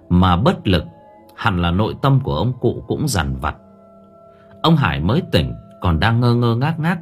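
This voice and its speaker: A man narrating an audio novel with expressive storytelling. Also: lowish voice. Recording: faint background music.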